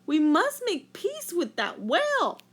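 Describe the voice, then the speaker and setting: Casting: female reader playing sincere little male storybook fish, peacemaker, very high, animated, pleading. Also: slow pace, heavily acted. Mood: exasperated. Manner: pleading, emphatic. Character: earnest, peacemaking young male Rainbow Fish.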